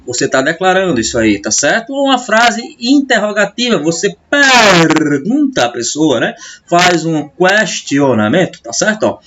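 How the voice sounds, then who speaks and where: Over background noise, a high-voiced man with a Brazilian Portuguese accent teaches grammar to a class using slides. He keeps asking "tá?" and "né?" to check in, and he poses questions only to answer them himself.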